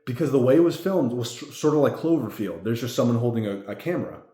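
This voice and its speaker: A man's voice: medium pitch, fast, dark tone. A man giving a casual movie review in tipsy, rambling drunk talk, emphatic, repeating himself and swearing. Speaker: amateur film reviewer. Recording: echoey room.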